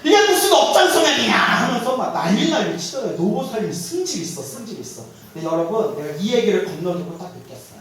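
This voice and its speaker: A male monk lecturer giving a humorous dharma talk, telling animated stories and quizzing his audience. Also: high-pitched, fast talker, few pauses. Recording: echoey hall, mic far off.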